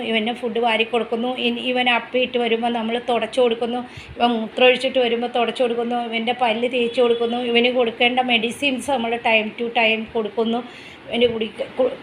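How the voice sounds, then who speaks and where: Middle-aged woman rambling to her pet vlog viewers, highish voice, lots of ums and restarts, bit of background hum. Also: low-quality recording. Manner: rambling, chatty, many fillers and restarts. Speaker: pet vlogger. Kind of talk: casual chat to viewers.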